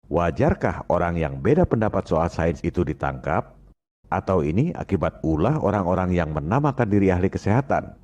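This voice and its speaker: Deep, assertive male narrator. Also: darkish tone. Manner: assertive, asks rhetorical questions. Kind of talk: scripted voice-over commentary.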